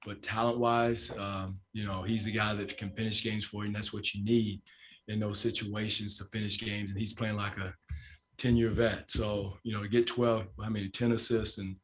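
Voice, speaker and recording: A man in his sixties, a basketball head coach answering postgame questions at a table microphone, speaking in a measured way with many fillers and repeated phrases. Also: lowish voice, level tone, fairly bright tone, slightly rough. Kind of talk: postgame press conference answers. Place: press room with sponsor backdrop. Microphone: table microphone in front.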